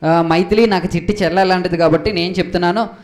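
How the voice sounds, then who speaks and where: A young man acting as straight man in a comic stage skit, questioning his partner with lively exasperation and calling out to the audience. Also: sits high, quick pace. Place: event stage before a live audience.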